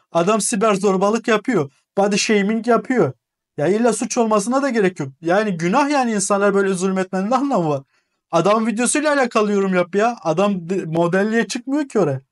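A man with a fairly high voice talks straight to his viewers in a casual monologue. He sounds exasperated and lecturing, and he repeats words over and over to make his point. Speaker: gaming channel host. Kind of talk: casual monologue replying to comments.

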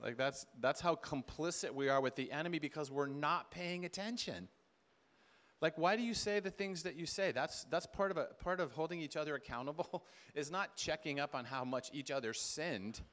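In a large hall before a seated conference audience, a middle-aged man speaks at normal speed in a slightly high, fairly bright voice. His style is a casual sermon: conversational, with repeated words and acted-out dialogue, recorded from a camera far at the back of the room.

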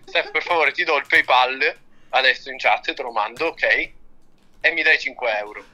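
A man's voice: mid-range voice, moderate pace, sharp tone, rough recording. A man calling in over a phone on speakerphone, playfully begging in casual chat. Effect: heard over a phone on speakerphone. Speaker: caller.

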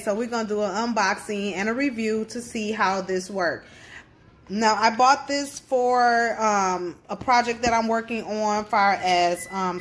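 A woman's voice: mid-range voice, a bit bright, a little hiss or hum. A woman hosting her own crafting channel, chatting casually and upbeat through an unboxing.

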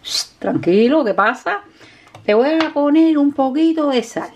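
A woman with a Cuban Spanish accent, chatting warmly to her viewers while cooking in her home kitchen, calling them "mi gente". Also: high-pitched, expressive, a little slow, highs cut off, background noise. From Cuba. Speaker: cooking vlogger. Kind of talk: casual cooking vlog talk to viewers. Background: dishes, pots and pans clattering.

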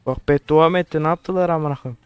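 A man talking over a game he is playing, joking crudely, swearing constantly and sounding baffled by what happens. His voice sits a little high and comes across smooth and clean. The sound is dry and close. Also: quick pace, no echo, muffled recording. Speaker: gamer. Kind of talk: let's play commentary.

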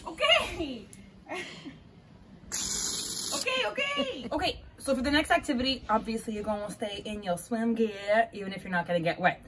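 With a little hiss or hum underneath, a young woman speaks at normal speed in a slightly high, fairly bright voice with lively intonation. She leads children through outdoor water games in the backyard, bubbly and jokey, laughing a lot.

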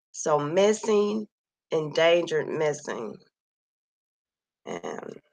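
Sitting at home near Kansas City, a vlogger reads through a missing persons list for a casual screen-share, sighing and musing aloud slowly and softly into her computer mic. Her low, gravelly, slightly husky voice sounds like it's going hoarse as she loses it. The audio is dry and close, with no echo or room in it.

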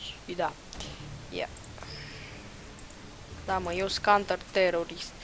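Excitable young woman, game commentary. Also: on the low side, a little hiss or hum, low-quality recording. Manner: excitable, loud outbursts and muttered asides. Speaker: gaming channel host. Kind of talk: casual gameplay commentary.

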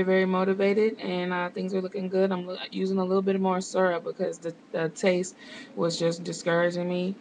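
A woman's voice: fairly low pitch, a little hiss or hum, poor audio. A young woman vlogging from home, chatting casually to camera with rambling, sarcastic asides. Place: home indoors.

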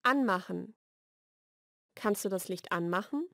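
In a scripted vocabulary lesson, a woman reads individual words followed by short example sentences, articulating each one with slow, careful precision. Her mid-range voice is expressive, creaky and slightly bright. The sound is close and dry, studio voice-over style, without echo.

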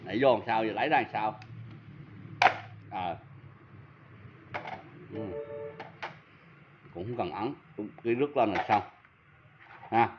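A used power tool seller with a southern Vietnamese accent gives a casual product demo, chatting directly to viewers and poking fun at himself. His voice is fairly low and slow, with long pauses. The sound is lo-fi with background noise.

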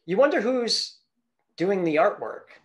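A man's voice: high voice, big pitch swings, a little slow. A man co-hosting a podcast, talking about old films in a thoughtful, wandering way. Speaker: podcast co-host. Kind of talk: casual film discussion.

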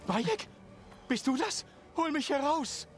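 A man's voice: very high voice, sing-song, slow pace, full character voice. An actor playing a desperate captive man in a video game, pleading like a tormented soul. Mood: urgent pleading.

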